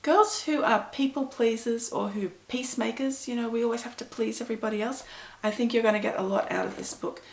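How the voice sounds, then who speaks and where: A woman's voice: fairly high pitch, fairly quick, vocal fry, hardly any pauses, echoey room. A middle-aged woman, chatting to camera as an author answering reader questions in a self-deprecating, storytelling way. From Pakistan. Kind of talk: casual talk to camera.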